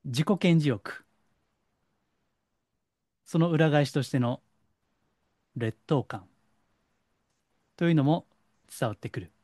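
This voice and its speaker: A middle-aged man from Kansai with a Kansai accent, a psychic counselor giving a lecturing solo talk and slowing down to stress points. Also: on the high side, dry recording, studio quality. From Kansai, Japan. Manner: lecturing, animated, slows for stress. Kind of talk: solo monologue to camera.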